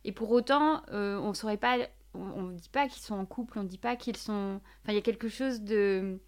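A woman hosts an interview and builds long, meandering questions. She hesitates often with euhs. Her voice sits at an everyday middle pitch. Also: normal speed, clean tone. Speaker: host, interviewer.

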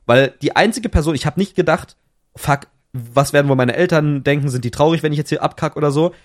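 A man's voice: fairly high pitch, brisk. A young man retelling a close call in casual slangy chat, full of restarts, on a podcast mic. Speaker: podcast co-host.

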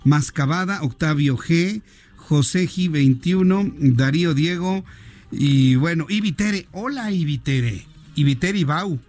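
A man's voice: a little high, unhurried, a little mellow. Joking Mexican radio host, man. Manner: playful, joking, reads out listener greetings. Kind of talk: casual radio chat.

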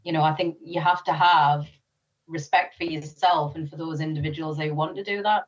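A woman with a British accent talks as an interview guest. Her voice is low and her delivery thoughtful and sincere. The sound is somewhat dull, as if she sits away from the mic. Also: fairly even intonation, normal speed, recorded from a distance. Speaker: interview guest, former police officer. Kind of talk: conversational interview.

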